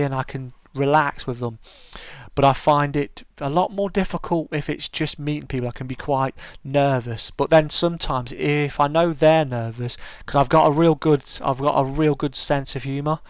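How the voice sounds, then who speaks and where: A middle-aged man with a fairly high, soothing, smooth voice hosts a relaxed live-stream chat, going through viewer comments and responding. There's no room sound. His manner is warm and talkative, broken up by frequent restarts and stammers.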